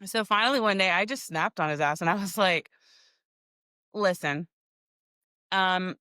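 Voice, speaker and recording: A woman's voice: medium pitch, quick pace, pushed and bright, dry recording, studio quality. A woman in her forties hosting a podcast, telling stories in a casual, chatty, profane way, with lots of laughter. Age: 40s. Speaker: podcast host. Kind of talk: casual storytelling monologue.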